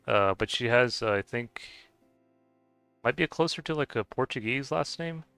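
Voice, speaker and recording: Gravelly yet smooth, this streamer's mid-range voice is bright, forceful, and expressive at normal speed. Chatting casually on his game live stream, he hesitates, chuckles, and trips over name pronunciations. The recording is dry and close-miked with faint background music.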